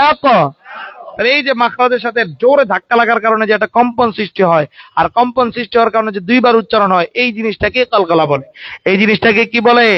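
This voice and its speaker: Guy teaching quran recitation, pretty high voice, dull dry lo-fi sound, keeps asking students to say it louder. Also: no echo. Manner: calls on students to answer aloud; colloquial, joking asides. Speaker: religious teacher.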